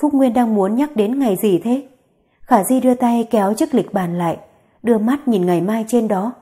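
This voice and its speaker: Woman storyteller, audiobook narration, steady dramatic reading, mellow dark tone. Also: fairly high pitch, normal speed.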